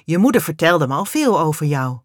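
A gentle mother speaks softly and kindly, voiced by a woman reading a storybook. Her husky voice moves lively in pitch. The sound is close and dry. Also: a little fast, dry recording. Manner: soft, kindly voice.

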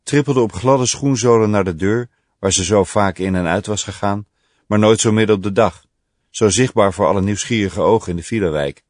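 Male audiobook narrator, measured and deliberate, lowish voice, dry close sound. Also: no room sound.

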